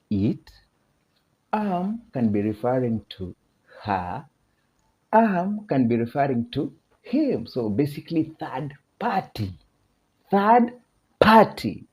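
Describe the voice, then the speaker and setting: A man with a Kenyan accent teaching a casual video lesson, chatty, laughing often and repeating phrases slowly. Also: mid-range voice, dull audio.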